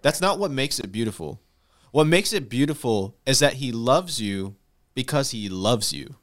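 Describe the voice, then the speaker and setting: A man's voice: lively intonation, moderate pace, fairly bright tone. Give me an earnest man on a Bible talk. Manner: earnest, rises in pitch when stressing a point. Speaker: co-host.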